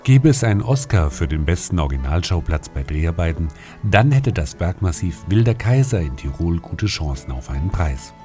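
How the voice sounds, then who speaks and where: A man reading scripted radio feature narration in a calm, measured way. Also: deep voice. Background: music bed.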